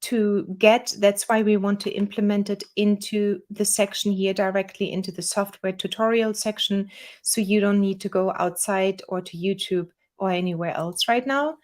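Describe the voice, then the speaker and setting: A woman with a German accent, the owner of a small software company, walking viewers through a software tutorial in a relaxed, chatty way with fillers. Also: medium pitch, moderate pace. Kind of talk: screen-share software tutorial.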